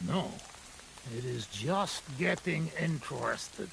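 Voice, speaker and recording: An actor playing a gruff, superstitious male woodcutter in a video game, speaking, broken grammar and a teasing, earnest manner. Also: fairly high pitch, lively intonation, slow pace, fairly bright tone, a little hiss or hum, full character voice.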